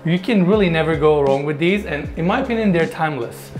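Talking fast with a high-ish voice, a man in his thirties walks viewers through a large indoor basement, chatty and eager. Faint music plays behind his lapel-mic narration of this casual home tour.

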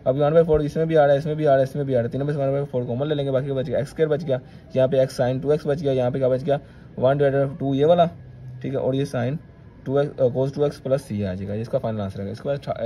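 A man's voice: mid-range voice, dark tone, slight background noise. A male maths teacher, talking students through each step of a solution and checking in with "theek hai".

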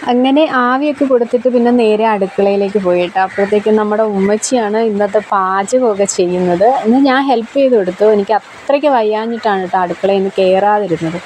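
A young woman telling about her day at home in a cooking vlog. She chats in a homely way, and her voice is hoarse from a blocked throat. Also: mid-range voice, quick pace, few pauses, darkish tone, a little hiss or hum, low-quality recording. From Kerala, India. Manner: chatty, homely storytelling with frequent tag questions. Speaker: cooking vlogger. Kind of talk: casual vlog voice-over. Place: home kitchen. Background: rain.

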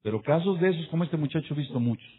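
A man preaching a sermon, emphatic and addressing his listeners directly, breaking into loud bursts of emphasis. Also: a little high, animated, rapid-fire, a little hiss or hum. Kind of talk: sermon with acted quotes. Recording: tinny phone-like lo-fi audio.

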